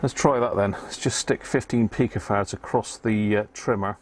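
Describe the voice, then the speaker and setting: On his live repair stream, an amateur radio hobbyist speaks at normal speed in a lowish voice, offering casual commentary. Focused on fiddly electronics work, he mutters to himself, and background noise can be clearly heard.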